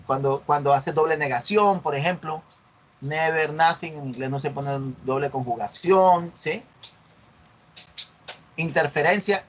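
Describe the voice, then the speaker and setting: A man gives a lecture in a slightly higher voice than most men. He explains patiently and keeps checking that his students follow with short tag questions. When he models English words, he slows down and repeats them loudly. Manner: drills English words slowly and loudly in repetition. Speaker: university teacher. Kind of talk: explanatory lecture on online class.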